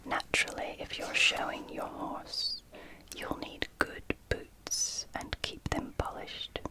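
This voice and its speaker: An ASMR host speaking in a soft, unvoiced library whisper, gently reading and commenting on a book in short phrases with pauses.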